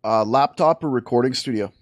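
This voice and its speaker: A man hosting an interview, asking quick questions and answering with upbeat praise. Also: medium pitch, no echo. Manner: upbeat, affirming. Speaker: interview host.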